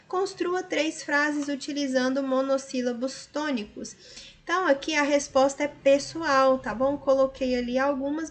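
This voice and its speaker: A woman's voice: sits high, fairly bright tone. A woman teacher with a Brazilian Portuguese accent, patiently going over answers step by step in a recorded lesson. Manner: patient, explaining step by step with frequent tag questions.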